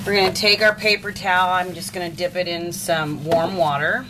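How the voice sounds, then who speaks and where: A woman with a low voice walks through home canning in her kitchen, chatting casually and thinking aloud as she goes. The home video has a steady, clearly audible background noise. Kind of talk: casual step-by-step cooking demonstration.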